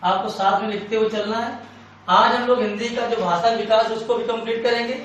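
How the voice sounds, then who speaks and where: A man's voice: high voice, fairly even intonation, a little fast, a bit bright. A man teaching an exam-prep lecture, asking questions and answering them himself, repeating key points. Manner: repetitive, asks and answers own questions. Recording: echoey room, far from mic, faint hiss.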